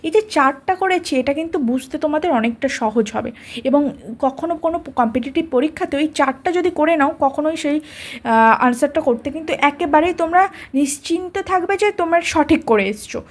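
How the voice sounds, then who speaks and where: A woman teaching a grammar lesson to students, patient and repetitive, often checking that they follow. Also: sits high. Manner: patient, repeats letters slowly, asks "ঠিক আছে?".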